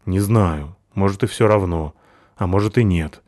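A man doing a deadpan sarcastic young woman. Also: low voice, normal speed, no room sound, studio quality, lightly acted.

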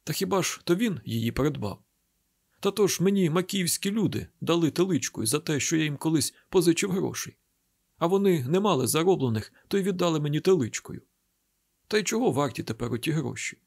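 A man playing a husky, bitter old village father. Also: a little high, lively intonation, a little fast, a little mellow, full character voice. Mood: aggrieved. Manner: heated, grieving and reproachful. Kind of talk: audiobook drama reading.

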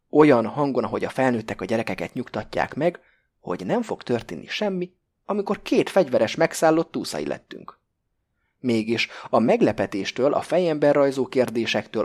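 A man reading a novel aloud in first person, in a measured and even way. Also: medium pitch. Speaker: audiobook narrator. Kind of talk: first-person literary narration.

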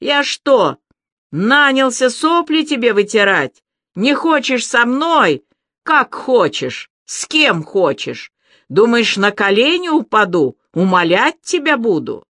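A man's voice: high-pitched, expressive, measured pace, fairly bright tone, no room sound, clean studio sound. A reader voicing an angry, commanding man who speaks harshly and cuttingly. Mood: furious.

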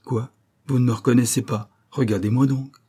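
A man's voice: mid-range voice, steady tone, moderate pace, dark tone, breathy edge, close to an everyday voice. A man voicing a resolute, scheming young painter who speaks firmly and urgently, in an audiobook. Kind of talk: audiobook character voice.

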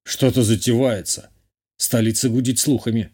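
A man voicing a loyal male bodyguard in his thirties, who speaks in a slow and deferential way in an audiobook. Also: mid-range voice, steady tone, dark tone, breathy edge, lightly acted. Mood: reporting.

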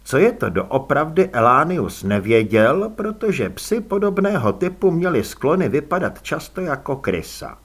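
Brief: male audiobook narrator, wry and expressive, husky tone, pitch ranging widely. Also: few pauses. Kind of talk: scripted narration.

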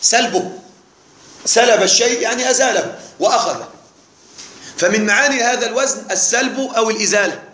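A man's voice: high voice, brisk, pauses often, sharp tone, roomy sound. A man teaching an Arabic grammar lesson to a live class, explaining patiently, repeating key words and checking that the students are following.

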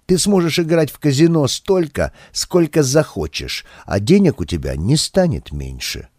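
A man reading an audiobook, voicing a calm tree-man who foretells people's fates in a measured, low voice. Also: no room sound, studio quality. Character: calm suffering male tree-man prophet.

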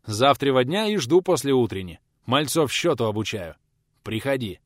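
A gruff, irritable old pensioner barks brusque orders, as a man acts him out. His delivery is lively in pitch and recorded dry and close. It is an audiobook reading. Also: moderate pace, no room sound. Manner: brusque, commanding.

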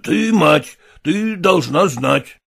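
A man voicing an agitated, domineering father who demands and shouts, in an audiobook reading. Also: fairly high pitch, animated, drawn-out words, vocal fry, exaggerated voice. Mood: demanding. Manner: blustering, demanding.

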